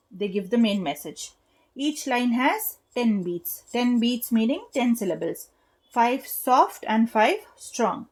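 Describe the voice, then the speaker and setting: Young female teacher, slow and patient, slightly high voice, walks students through each point. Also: darkish tone. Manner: slow, patient, spells out rhyme letters and claps rhythm. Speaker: English literature teacher. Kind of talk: explaining a lesson to students.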